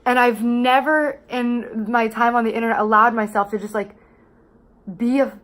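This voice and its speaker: A woman's voice: a little high, fairly even intonation, moderate pace, a bit bright. A woman of twenty-seven talking candidly and casually to camera as a vlogger, in a confessional, rambling way with plenty of swearing.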